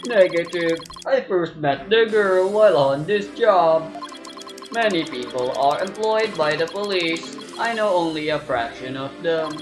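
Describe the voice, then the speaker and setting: A woman voicing a terse male bomb expert who talks through a text-to-speech voice, clipped and flat, in a voiced game playthrough. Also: fairly low pitch, measured pace. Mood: flat robotic. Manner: clipped, flat, word-by-word delivery. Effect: imitated robotic text-to-speech voice. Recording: echoey room with game music.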